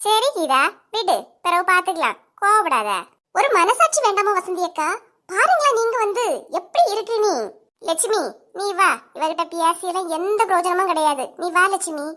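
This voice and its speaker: A sharp-tongued village woman bickers with her neighbours in a cartoon comedy, voiced by a woman. Her voice sits very high, and she scolds and accuses in a Kanyakumari Tamil accent. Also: expressive, normal speed, full character voice. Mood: quarrelsome. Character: bickering village women neighbours, quick-tempered.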